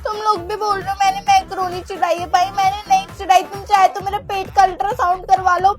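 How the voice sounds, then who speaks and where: A defensive schoolgirl, played by a woman, loudly insists she is innocent. Her voice is very high and indignant, and every line comes as a protest, as in a comedy skit. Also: level tone, fast talker, loud music behind the voice. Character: defensive schoolgirl denying she stole lunch.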